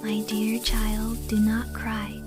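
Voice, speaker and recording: A woman acts a gentle old fairy godmother from a storybook in ASMR role-play. The delivery is tender, reassuring and very slow, with music clearly behind it. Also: mid-range voice, monotone, natural voice. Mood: gentle reassurance. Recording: voice under clear background music.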